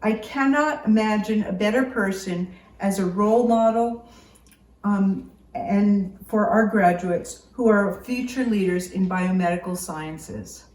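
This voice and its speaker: A woman giving a formal, scripted podium speech introduction in a measured, read-out delivery. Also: medium pitch, a little mellow. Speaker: academic introducing a keynote speaker. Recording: roomy echo, distant microphone.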